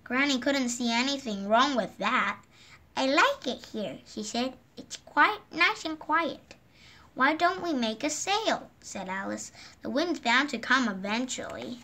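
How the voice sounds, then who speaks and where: Reading a picture book at a table indoors, a high, bright-voiced woman keeps a slow, gentle pace with lively intonation. She lifts her voice for the quoted lines, and the recording comes from a phone or camera pointed down at the book.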